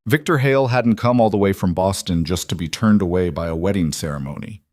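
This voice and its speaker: A man narrating a western romance story in a measured, even storytelling manner. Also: sits low, dry recording, studio quality. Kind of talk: scripted audiobook narration.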